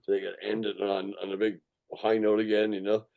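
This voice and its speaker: A man's voice: on the low side, completely flat delivery, brisk, vocal fry, narrow, tinny audio. A man who is a musician, talking casually in an interview in a rambling storytelling way, sweary and emphatic, often checking that the listener follows. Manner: sweary, emphatic, repeatedly checks listener with "you know" and "right". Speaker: musician, songwriter and record producer being interviewed.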